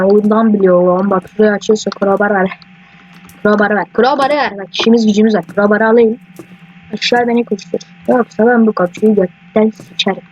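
A man doing casual let's-play commentary, rambling and excitable, often swearing at the game. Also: high voice. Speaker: gaming YouTuber. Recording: dull lo-fi mic with faint hiss.

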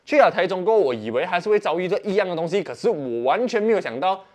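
Fast-talking Malaysian man, lively storytelling. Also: high voice. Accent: Malaysian Mandarin. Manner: animated, peppered with "OK" and "你懂吗". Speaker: vlogger. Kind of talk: casual storytelling.

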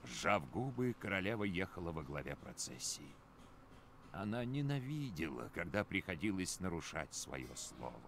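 Very deep, dramatic storyteller. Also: male voice, big pitch swings, noisy background. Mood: grave. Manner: measured, dramatic. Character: grave male storyteller narrating a dark fantasy tale. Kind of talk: scripted narration in a video game. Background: game music.

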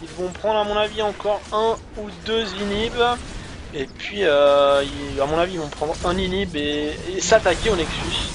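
A man's voice: high-pitched, normal speed, background noise. A man giving live play-by-play commentary on an esports match, hesitant with many fillers, speeding up during big plays. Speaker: esports caster. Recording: commentary over loud game music.

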